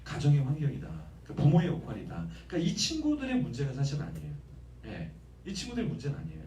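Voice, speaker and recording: Guy preaching a sermon, high lively voice, keeps asking the crowd questions, echoey church, mic kinda far. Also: fast. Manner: lively conversational preaching, asks the congregation questions. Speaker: guest pastor. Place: church sanctuary.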